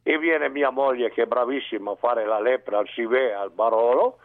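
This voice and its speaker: A man's voice: mid-range voice, normal speed. A man from northern Italy calling a radio talk show over a landline phone, insisting and repeatedly asking whether he is heard. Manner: insistent, keeps checking he is heard. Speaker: radio call-in listener. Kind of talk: casual phone-in chat. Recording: tinny phone line.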